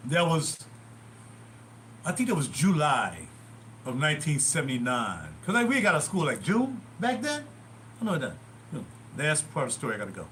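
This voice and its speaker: An older man in his sixties tells rambling stories on a livestream, his voice rising and falling in lively swings. His pitch sits a touch high for a man. He wanders off on side stories as he talks from a small bathroom at home. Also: normal speed, a little hiss or hum. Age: 60s. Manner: rambling, animated, digressive. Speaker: livestream host. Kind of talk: casual storytelling.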